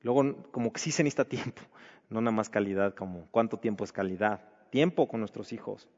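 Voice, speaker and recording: A man's voice: lowish voice, brisk, a little mellow. A man preaching a sermon to married men, asking rhetorical questions in a conversational way. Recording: dull reverberant hall recording.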